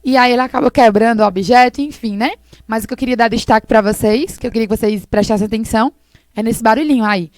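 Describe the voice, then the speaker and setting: Woman teacher, kinda high voice, patient, repeats stuff slowly, dry close sound. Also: dry recording. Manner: patient, explains slowly, repeats words for students. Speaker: English teacher. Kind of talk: recorded classroom lesson.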